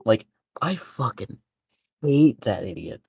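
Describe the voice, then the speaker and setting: Guest on a casual podcast, mid-pitched voice, dry sound, heated and profane. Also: very animated, slow pace, dark tone, slightly rough, dry recording. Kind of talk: casual chat.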